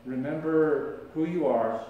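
Speaking slowly in a voice on the high side, a middle-aged pastor delivers a sermon in a conversational way, gesturing as he goes. The camera sits far away in the big indoor sanctuary with no mic in view, giving narrow, tinny, echoey audio with a little hiss or hum.

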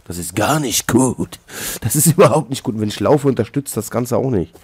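A man hosting a Let's Play, chatting casually with a co-op partner, excitable and joking, often exclaiming. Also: mid-range voice, normal speed, breathy edge, dry recording. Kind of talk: casual co-op gaming chat.

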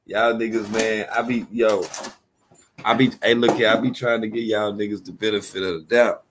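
A man hosting a profane reaction commentary, mocking and laughing loudly. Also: on the low side, flat delivery, normal speed, slight background noise. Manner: mocking, slangy, loud laughter. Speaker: host.

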